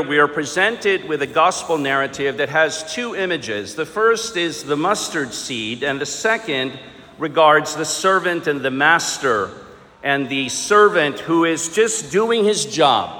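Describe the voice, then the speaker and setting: Priest preaching in a long cathedral echo. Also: male voice, a little high, animated, unhurried, sharp tone. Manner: plain-spoken, rhetorical questions and repetition. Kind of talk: homily with Gospel reading. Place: large church during Mass.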